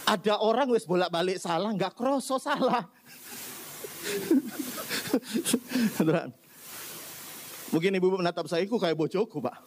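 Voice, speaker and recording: High-pitched guy preaching, keeps asking the crowd questions. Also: a little hiss or hum. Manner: animated preaching, sprinkles Javanese words, asks the congregation. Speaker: pastor. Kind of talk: sermon.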